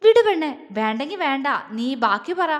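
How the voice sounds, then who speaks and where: A doting, possessive young husband in an audio love story, fond and teasing, gruff when jealousy flares, voiced by a woman storyteller. The voice sits fairly high and trails a long reverb. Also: very animated, normal speed.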